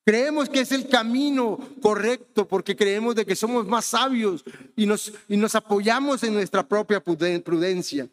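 At normal speed and with a big-room sound, a high-voiced Honduran man preaches in a conversational way. Turning often to the congregation, he asks "¿verdad?" and calls out "hermanos."

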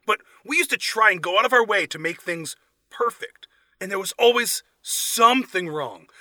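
A man's voice: sits high, expressive, normal speed, sharp tone, dry recording. A man hosting a podcast, giving sarcastic, profane comedic commentary while reading reviews aloud. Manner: sarcastic, swears freely. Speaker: podcast host.

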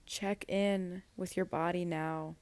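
A woman leads a guided meditation, speaking unusually slowly with long soothing pauses. Her voice sits low and stays level, with little rise and fall. The sound is close and dry. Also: fairly even intonation, no room sound. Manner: slow, soft, soothing delivery with long pauses.

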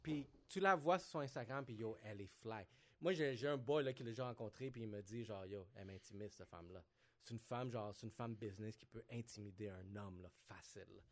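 A man hosting a podcast, telling stories in a relaxed way with English slang mixed in. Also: fairly low pitch, brisk. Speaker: podcast host. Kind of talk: casual podcast chat.

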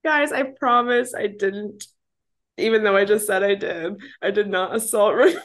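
A woman's voice: mid-range voice, normal speed. A young woman in her twenties hosting a casual podcast chat, giggling often and saying "like" constantly. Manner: giggly, says "like" a lot. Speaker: podcast host.

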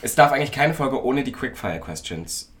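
A man's voice: mid-range voice, lively intonation. A man hosting a podcast in a casual, playful chat. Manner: quick, chatty, playful. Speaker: podcast host.

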